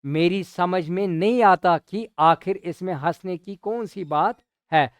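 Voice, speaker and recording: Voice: mid-range voice, takes it slowly, clean tone, no room sound, clean studio sound, lightly acted. A teacher reading the lines of a hopeful middle-aged clerk who dreams of winning a lottery, in a pleading, insistent way.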